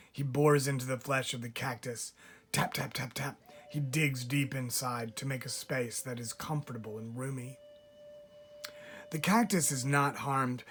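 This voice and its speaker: With a medium-pitched voice, a man reads a children's picture book aloud, measured and expressive. He pauses deliberately, much like a teacher telling a story to a class.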